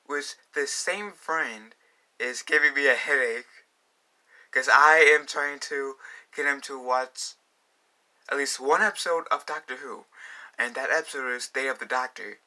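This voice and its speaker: A man's voice: medium pitch, unhurried, pushed and bright. A young man talking casually in a fan vlog, rambling with many fillers and restarts. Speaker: vlogger.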